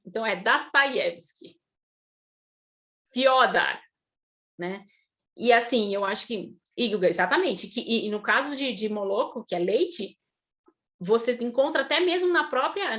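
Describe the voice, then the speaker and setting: A woman with a Brazilian Portuguese accent, a guest speaker answering audience questions on a video call, talking in a thoughtful, halting way with many restarts. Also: fairly high pitch, animated, a bit bright, dull audio. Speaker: guest speaker on Russian literature.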